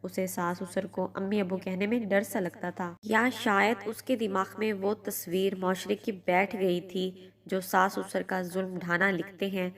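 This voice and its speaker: A woman narrating a moral family story in a calm, measured storytelling manner. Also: medium pitch.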